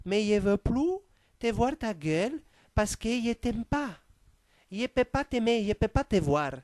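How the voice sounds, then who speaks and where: A haughty, threatening Spanish queen with a put-on mock Spanish accent, as a man plays her in a comic sketch. She mangles her words into fake Spanish, in a high, dry voice. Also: very animated, measured pace, darkish tone, no room sound. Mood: menacing.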